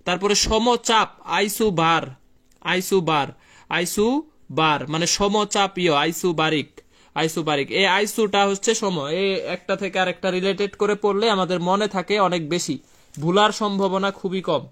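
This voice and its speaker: At a moderate pace, a young man with a high, slightly bright voice teaches physics live online. He's conversational and repetitive, stressing key terms again and again, asking the class questions and reading their answers back.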